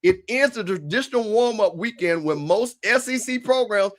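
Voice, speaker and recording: A man's voice: sits high, expressive, normal speed. A man hosting a casual sports talk show, brash and scolding as he corrects his listeners. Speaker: show host.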